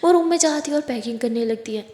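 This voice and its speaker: Woman telling a story, chatty and lively, high voice, echoey room. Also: fast talker. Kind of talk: Hindi spoken story narration. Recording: echoey room with long reverb.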